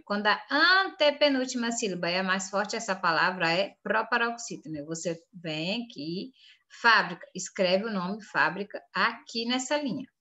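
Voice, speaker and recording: A woman's voice: fairly high pitch, pushed and bright. A woman teacher with a Brazilian Portuguese accent, reading through an exam and firmly urging her pupils not to make mistakes.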